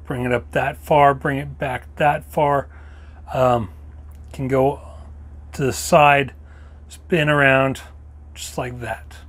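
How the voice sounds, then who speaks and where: A man's voice: medium pitch, steady tone, slow, pauses often. A man hosting a toy review, slightly losing his voice, walking through each detail step by step in a casual show-and-tell style.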